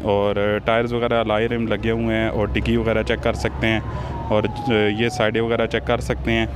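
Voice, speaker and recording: A man, hosting a car sales vlog at an outdoor used car market and talking into a hand-held lapel mic in upbeat, repetitive salesman patter. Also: mid-range voice. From Pakistan. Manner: upbeat, repetitive salesman patter, urging viewers to check every part. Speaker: car vlogger. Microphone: lapel mic held in hand, selfie camera. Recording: outdoor traffic and crowd noise.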